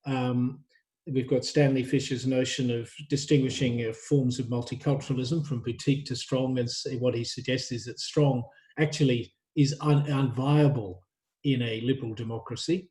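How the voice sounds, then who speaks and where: A man's voice: medium pitch, steady tone, normal speed, dark tone, echoey room. A man lecturing a university workshop, thinking aloud with many fillers and restarts.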